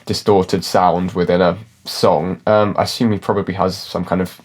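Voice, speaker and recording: Deep-voiced man giving chatty music reaction. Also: flat delivery, normal speed. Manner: chatty, hedging, filler "like", musical terms. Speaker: classically trained musician reacting to songs. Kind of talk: casual reaction commentary with music analysis. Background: faint music from the reacted video.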